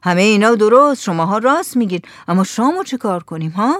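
A woman's voice: medium pitch, expressive, no echo, studio quality, lightly acted. A woman voicing a pushy male cook who urges the villagers to eat. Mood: bossy. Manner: bossy, urging.

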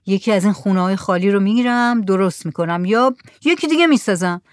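A woman's voice: medium pitch, expressive, dry recording, clean studio sound, close to an everyday voice. A woman doing a pushy, self-assured mullah. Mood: insistent.

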